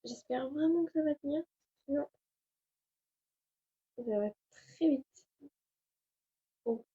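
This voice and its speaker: A woman's voice: high voice, slow pace. A young woman hosting a casual online language lesson, chatty and hesitant with many fillers, recorded at home. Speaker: language tutorial host. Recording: dull lo-fi sound.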